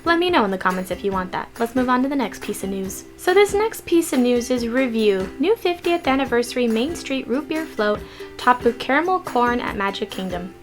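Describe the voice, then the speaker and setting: She's a young California vlog host reading news articles in her untidy bedroom, her voice hushed but sing-song and brisk, with occasional stumbles over the words. Background music plays underneath, and a desk mic shows up in the frame's corner.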